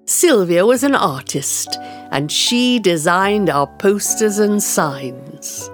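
This is a woman reading as a determined older campaigner for women's rights, recalling her life in a storybook narration. Her delivery is unhurried and measured, each phrase set out clearly. The voice moves expressively up and down in pitch. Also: expressive, soft background music. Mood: earnest. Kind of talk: first-person storybook narration for learners.

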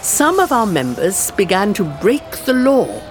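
This is a woman reading as a determined older campaigner for women's rights, recalling her life in a storybook narration. Her delivery is unhurried and measured, each phrase set out clearly. The voice moves expressively up and down in pitch. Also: big pitch swings, music in the background. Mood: earnest. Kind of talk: first-person storybook narration for learners.

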